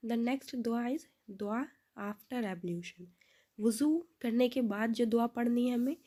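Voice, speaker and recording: Patient woman teaching duas, slow recitation. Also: a little high, dark tone. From India. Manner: mixes English into Urdu, reads Arabic slowly and deliberately. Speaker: Islamic teacher for children. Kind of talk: slow, patient dua lesson, recites and translates.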